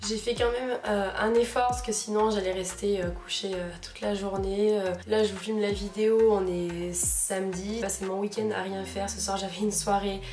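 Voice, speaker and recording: A woman's voice: mid-range voice, steady tone, moderate pace, hardly any pauses, a little mellow. A French woman vlogger with a sick, congested sore-throat voice, chatting casually and hesitantly through a product review. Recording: roomy echo, music underneath.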